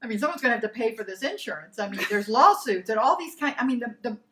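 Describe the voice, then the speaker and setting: A woman's voice: on the high side, fast talker, slight background noise, poor audio. A woman telling a personal faith testimony in a casual way, stammering and acting out the voices of her story. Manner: animated, acts out quoted dialogue, stammers and repeats herself.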